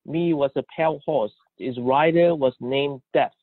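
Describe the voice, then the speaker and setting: A man with a slightly high voice interprets a sermon phrase by phrase, stumbling, repeating words and restarting mid-sentence. His voice comes through a tinny, phone-like connection with a dry sound and no room echo. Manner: halting, with many restarts and cut-off words. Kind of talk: live consecutive interpretation.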